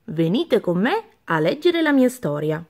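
A woman voicing a cheerful, friendly young male patchwork elephant in a storybook reading, with a bright, upbeat manner. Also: mid-range voice, sing-song, measured pace.

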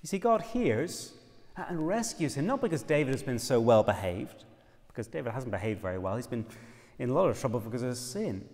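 A man with an Irish accent preaching an expressive, emphatic sermon, quoting scripture. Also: medium pitch, in a large hall. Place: church.

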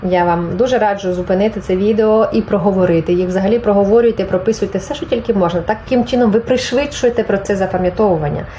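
A woman's voice: medium pitch, quick pace, few pauses, dark tone, a little hiss or hum, rough recording. A woman teaching a Spanish grammar lesson, patiently explaining and reading example phrases aloud, then translating them. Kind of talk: online language lesson.

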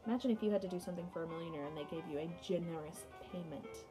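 Speaking rapid-fire in a voice on the low side, a young woman runs a read-aloud music lesson for kids. She explains and chats directly with her pupils from a small indoor room at home.

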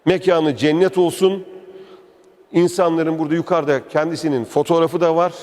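A man's voice: fairly high pitch, steady tone, moderate pace, a little mellow. A man giving a chatty, enthusiastic walking tour, his voice echoing in an indoor museum hall. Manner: chatty, enthusiastic, addresses the viewer directly. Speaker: travel vlog host touring a museum. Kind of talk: casual walking tour commentary.

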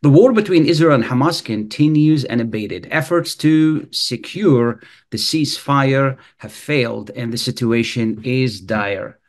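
A man hosts a radio interview, opening the program in a formal, scripted way before asking his guest steady, measured questions. His voice sits at an everyday middle pitch. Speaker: radio host.

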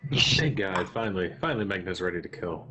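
A man's voice: deep voice, animated, a little fast, crowd noise. A man playing in a tabletop game, chatting and teasing the others. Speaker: player. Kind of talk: casual tabletop game chat.

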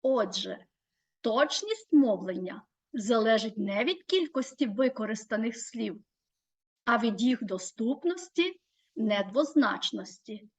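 A woman teacher giving a scripted presentation, measured and deliberate, stretching out listed terms slowly. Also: fairly high pitch, big pitch swings.

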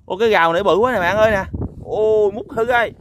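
A man's voice: high voice, quick pace, slight background noise. A man hosts an outdoor toy-hunting vlog, exclaiming "wow" and chuckling as he talks to viewers. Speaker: toy vlogger. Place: outdoors on a sandy lot.

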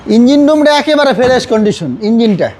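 A man's voice: very high-pitched, animated, a little fast, a little mellow, slight background noise. A man with a Bangladeshi accent giving a casual sales walk-around as a car salesman, repeating his points with emphasis. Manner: repetitive, emphatic praising.

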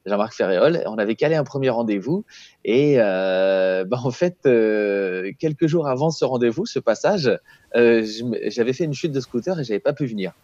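A comedian in his thirties joins a relaxed interview over a video call from a small room at home, laughing often and using lots of fillers in his easygoing chat. His medium-pitched voice is expressive and a little mellow at a moderate pace, picked up by an earphone headset in dry, slightly dull call audio.

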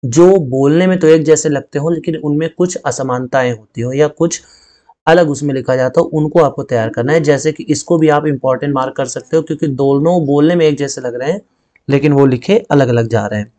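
Man teaching Hindi spelling, pitched a bit high. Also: brisk, warm tone. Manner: explains step by step, often adding "ठीक है" and repeating words. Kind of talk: spoken Hindi spelling lesson.

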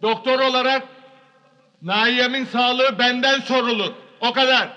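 An actor playing a bossy, self-assured village doctor in a comedy film, with a brisk, commanding manner. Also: male voice, very high voice, fairly even intonation, pushed and bright, exaggerated voice. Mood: bossy, firm. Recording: dull old film soundtrack.

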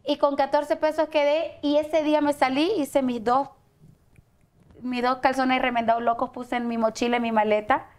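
A woman, a talk show guest telling a personal story candidly in an animated way and acting out the voices of the people in it. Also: high voice, moderate pace. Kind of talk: candid storytelling in a casual interview.

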